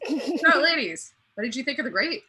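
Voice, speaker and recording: Female host, very bright tone, chatty panel talk with fillers. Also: sits high, big pitch swings, rough recording. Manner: chatty, quick, with frequent fillers. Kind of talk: casual panel discussion.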